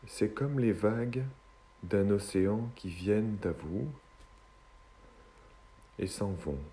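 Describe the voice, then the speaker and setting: Low, slow hypnotist voice, male. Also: dark tone. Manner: slow, soothing hypnotist delivery with long pauses. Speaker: hypnotist guiding relaxation. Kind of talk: guided hypnosis session.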